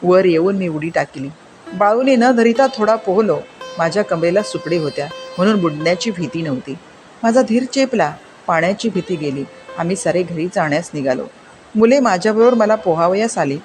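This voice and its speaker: Children's storyteller, expressive and measured, mid-pitched, faint music bed.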